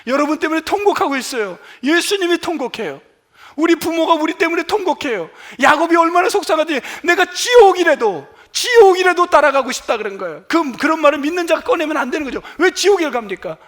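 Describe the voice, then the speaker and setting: A man who is a senior pastor, preaching a sermon in a church, swinging from loud to quiet and acting out quoted cries. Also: extremely high pitch, sing-song, fast. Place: church sanctuary.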